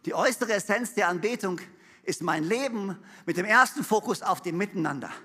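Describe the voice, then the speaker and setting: A male pastor delivering a sermon in a very high, bright, forceful voice. He preaches with emphasis and piles up repeated refrains that swell in volume. He drops in playful asides and laughter between points. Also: lively intonation, a little fast.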